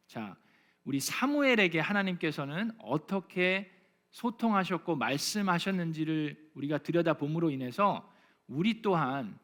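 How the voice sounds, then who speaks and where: A man, a pastor from Gyeonggi in South Korea, reads scripture slowly and softly, then preaches a sermon in a church sanctuary with lively, joking asides. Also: a little high.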